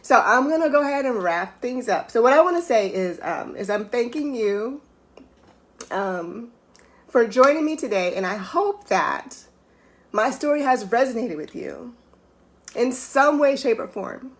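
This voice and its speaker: A middle-aged woman, a life coach, giving an earnest, emotional faith-based motivational talk and acting out her inner thoughts in higher voices. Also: animated, a little slow. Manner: earnest and emotional, voice breaking at times.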